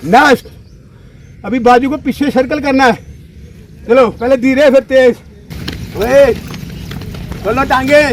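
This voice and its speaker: A fitness coach barking mocking drill commands to trainees on an outdoor training ground. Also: male voice, extremely high pitch, steady tone, measured pace, pauses often, slight background noise.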